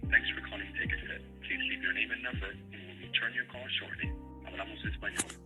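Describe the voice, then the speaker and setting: A man's prerecorded voicemail greeting comes down a phone line, muffled and a little distant. He recites it quickly in a deep, bright-edged voice. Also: fairly even intonation, faint music behind. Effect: played back over a phone line.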